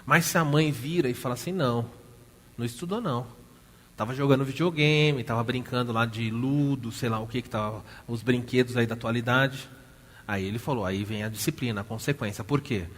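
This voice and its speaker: A man with a Brazilian Portuguese accent preaching a sermon, telling a story with lively rhetorical questions to the congregation. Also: medium pitch, brisk. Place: church hall. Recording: church hall reverb.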